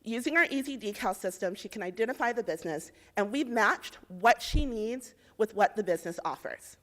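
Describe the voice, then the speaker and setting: A young woman from Indiana giving a rehearsed policy pitch, with measured, persuasive delivery of facts and figures. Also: lively intonation, fairly bright tone. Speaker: presenter in a policy pitch competition.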